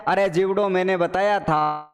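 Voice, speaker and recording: Lively high-voiced teacher. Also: male voice, normal speed, in a large hall. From Rajasthan. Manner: animated, playful, addresses students as children and brothers. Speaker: Hindi exam-prep teacher. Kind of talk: live online exam paper solution class.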